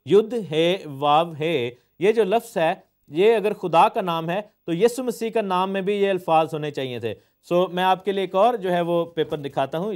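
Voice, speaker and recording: A high-pitched pastor teaches a sermon and explains what words mean, hesitating often and mixing in English phrases.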